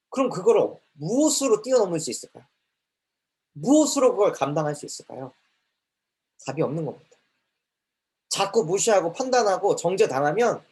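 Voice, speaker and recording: A man's voice: sits high, darkish tone. Guy preaching a kids' church sermon, voice goes way up and down, emphatic and repetitive. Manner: emphatic, rising and falling preaching with repeated phrases. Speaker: preacher for children's ministry.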